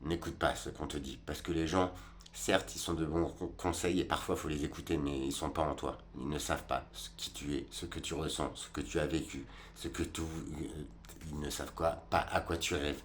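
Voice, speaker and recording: Very deep-voiced man in his forties. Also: steady tone, normal speed, a little hiss or hum. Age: 40s. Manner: rambling, colloquial, talks straight to the viewer. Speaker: vlogger. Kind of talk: casual reflective monologue.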